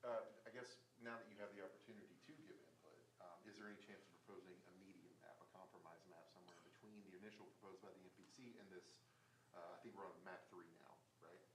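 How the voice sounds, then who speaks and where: A male reporter asking questions at a press conference, halting and rephrasing as he goes. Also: low-pitched, steady tone. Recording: roomy and distant with background noise.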